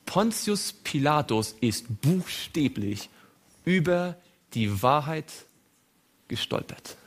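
A man preaching a sermon, dramatically acting out biblical dialogue and swinging between loud emphasis and hushed tones. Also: a little high, very animated, takes it slowly.

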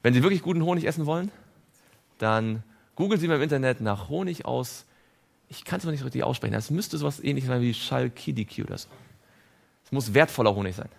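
Animated man preaching a sermon. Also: mid-range voice, fast talker, vocal fry. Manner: animated, asks audience questions.

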